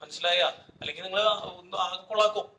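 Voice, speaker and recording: Male chemistry teacher, Malayali accent, high bright voice, quizzing and scolding in an echoey classroom. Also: quick pace, distant mic. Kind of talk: classroom lecture with questions to students. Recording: echoey classroom with faint noise.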